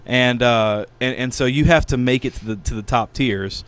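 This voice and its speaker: A podcast co-host in a small indoor studio tells a story in a casual, comedic style, rambling and wry, speaking close to a studio mic while wearing headphones. His medium-pitched voice is a bit bright, clear and resonant, at normal speed.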